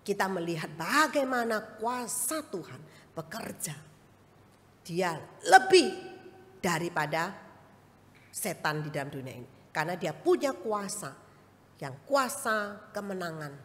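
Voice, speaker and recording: A woman evangelist, preaching a sermon and telling a lively personal story. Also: on the low side, measured pace. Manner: animated storytelling, acts out voices and laughs. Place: large church hall. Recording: long reverb of a church hall.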